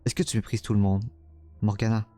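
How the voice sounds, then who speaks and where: A man's voice: on the low side, flat delivery, fairly quick, mellow, natural voice. A man reading a game's first-person narration as a tormented young man, dramatic and stumbling over words now and then. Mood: anguished.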